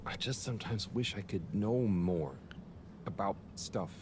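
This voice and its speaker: A man's voice: on the low side, a little slow, a little mellow, close to an everyday voice. An actor voicing Harold, an earnest, awkward young man who talks hesitantly, with ambient noise behind him. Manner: hesitant, mumbling, self-conscious. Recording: game audio with ambient noise.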